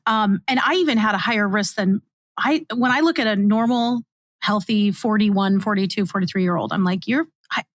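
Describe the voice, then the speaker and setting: A woman's voice: mid-range voice, moderate pace, no room sound. A woman in her mid-forties, a podcast guest, talking earnestly and encouragingly in casual chat. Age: 40s. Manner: earnest, encouraging, many fillers.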